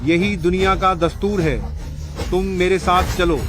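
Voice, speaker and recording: Man, bullying gambling-den thug, high voice, sneering, loud music behind. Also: fairly even intonation, a little slow. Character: swaggering gambling-den thug collecting debts. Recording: dubbed dialogue over loud music.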